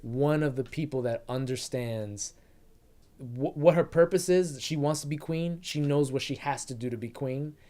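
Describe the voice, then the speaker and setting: A man's voice: mid-range voice, moderate pace. A man co-hosting a casual TV review chat, talking animatedly and often acting out characters. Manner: animated, laughing, acts out characters. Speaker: podcast co-host.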